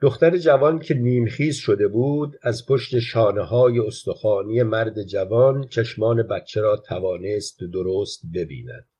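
A man reading a literary short story aloud in a quiet, even storytelling manner, with a husky voice. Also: on the low side, hardly any pauses. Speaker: narrator.

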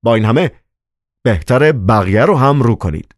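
A calm, polite male official, read by a male narrator, speaking in a measured, thoughtful way. The recording is dry and close. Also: medium pitch, dry recording, pitched above the performer's own voice, lightly acted.

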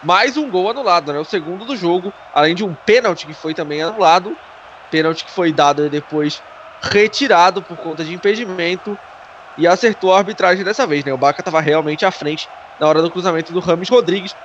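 Here the Brazilian man's high voice runs a little fast and comes across a bit bright. As co-commentator he explains plays in live football coverage, regularly dropping in small checking tags, over a dull, noisy sports broadcast.

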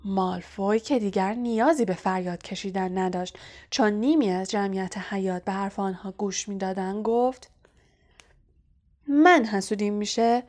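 A woman narrating a children's fantasy novel aloud in a steady, expressive reading. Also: mid-range voice. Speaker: audiobook narrator. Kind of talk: storybook narration.

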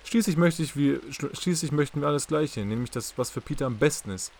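A man's voice: medium pitch, fast, gravelly, darkish tone, slightly rough. Man voicing an insistent, indignant young scientist woman. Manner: raised, insistent, stumbles when upset. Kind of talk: audiobook character reading.

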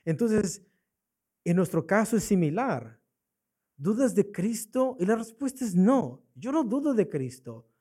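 A man's voice: sits high, big pitch swings, unhurried, mellow, breathy edge. A man preaching a sermon in a church, asking his congregation rhetorical questions and repeating his key points. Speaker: pastor.

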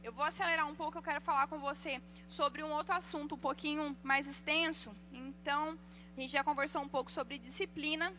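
A woman giving a sermon on parenting, telling lively personal stories and acting out the voices of the people in them. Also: sits high, a little fast, a little hiss or hum. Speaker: church speaker.

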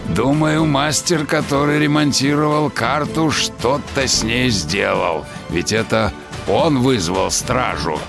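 A man's voice: mid-range voice, takes it slowly, creaky, over music. A man playing a hearty seafaring uncle who commands and explains things to children in a radio adventure drama. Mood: commanding, knowing. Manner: commanding, explanatory, salty sailor talk.

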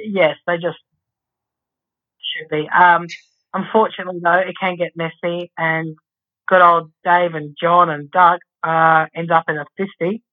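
A woman's voice: on the low side, level tone, measured pace. A woman co-hosting a podcast, chatting casually in a rambling way and swearing now and then. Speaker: podcast co-host. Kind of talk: casual chat. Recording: dull lo-fi sound.

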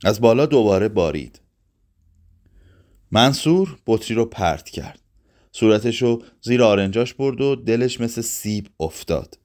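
A man reading a literary short story aloud in a measured, expressive way. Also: mid-range voice.

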